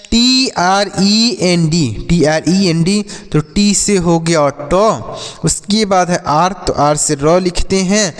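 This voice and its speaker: A man teaching English pronunciation to children in a slow, repetitive way, spelling words out letter by letter. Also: fairly high pitch, in a large hall.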